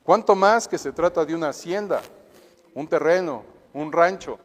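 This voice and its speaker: Guy teaching sunday school, kinda high voice, earnest, acts out quotes, long hall echo. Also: moderate pace, slight background noise. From Mexico. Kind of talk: Bible lesson teaching.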